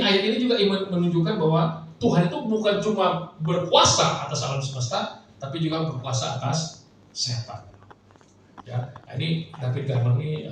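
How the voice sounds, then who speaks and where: This pastor's voice is a little high and a bit bright as he gives a chatty sermon full of jokes and acted-out prayers for the congregation. Captured from afar in an echoey church hall, the audio has slight background noise.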